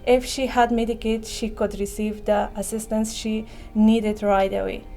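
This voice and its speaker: A woman's voice: mid-range voice, level tone, measured pace, creaky, mellow, soft background music. A woman from Afghanistan, a childbirth educator, reading her personal testimony in an earnest, careful way. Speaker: childbirth educator and community liaison.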